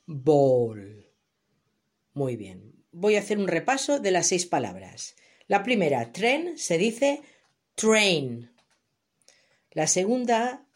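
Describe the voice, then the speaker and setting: A woman with a Spain Spanish accent teaching young children English words, saying each word slowly and clearly for them to repeat. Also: medium pitch, darkish tone. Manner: slow, drawn-out model words for repeating. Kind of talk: English vocabulary lesson for children.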